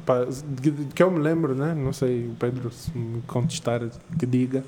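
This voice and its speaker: Young male podcast co-host, mid-pitched, loose slangy chat, some background noise. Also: little pitch movement, moderate pace, warm tone. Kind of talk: casual slangy chat among friends.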